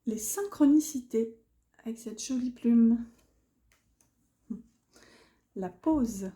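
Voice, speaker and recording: Slow, mellow woman with a slight lisp. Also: fairly high pitch, expressive. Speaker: oracle card deck presenter. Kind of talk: casual presentation with read-aloud card texts.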